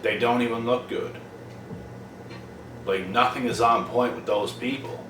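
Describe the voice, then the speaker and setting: Recorded from a distance in a roomy setting with background noise, a young man vents bluntly and profanely in a casual vlog. The Prince Edward Island native has a medium-pitched, fairly even, unhurried voice and repeats things for emphasis.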